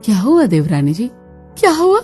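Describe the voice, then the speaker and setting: Brief: woman voicing a smug, lazy cartoon sister-in-law, higher voice, faint music under. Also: huge pitch swings, moderate pace, a little mellow. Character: sly elder sister-in-law, lazy and mocking.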